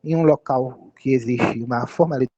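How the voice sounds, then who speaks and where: A man's voice: mid-range voice, normal speed, mellow, highs cut off. A man with a Brazilian Portuguese accent teaching English phrases, patiently repeating and spelling out words.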